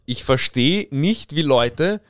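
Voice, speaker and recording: A young man, co-hosting a casual podcast chat and telling animated, slangy stories. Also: a little high, slow pace, no room sound, clean studio sound. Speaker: podcast co-host.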